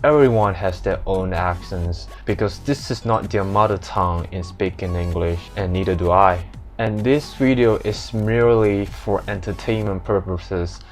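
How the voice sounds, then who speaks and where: A man's voice: low voice, normal speed, hardly any pauses, soft background music. A man, an English speaker, giving a casual explanatory lesson as a video host.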